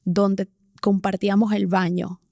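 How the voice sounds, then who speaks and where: A woman in her forties from Venezuela, telling her life story as an interview guest with lively, emphatic bursts. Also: mid-range voice, vocal fry, dry recording, studio quality. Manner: animated, emphatic, talks in quick bursts. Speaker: interview guest, sports presenter.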